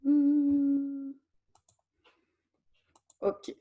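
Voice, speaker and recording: A woman's voice: high-pitched, completely flat delivery, drawn-out words, phone-quality sound. A woman teaching a Haitian Creole class, switching between Creole and French and questioning her students patiently.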